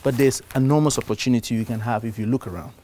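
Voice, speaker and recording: A middle-aged man from Cameroon speaks on a conference stage to a live audience. His pitch sits in the middle of the range. He talks in a lively way and keeps raising his voice for emphasis. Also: fast talker. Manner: animated, shifts loudness for emphasis. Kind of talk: live talk on investing.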